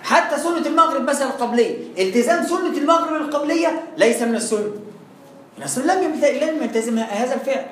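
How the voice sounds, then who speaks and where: A man with an Egyptian accent teaching Quran recitation rules in a lively, informal way, acting out little exchanges with students. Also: very high-pitched, fast, reverberant, slight background noise. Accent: Egyptian Arabic. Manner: lively, acts out back-and-forth dialogues, teasing. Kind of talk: informal tajweed lesson.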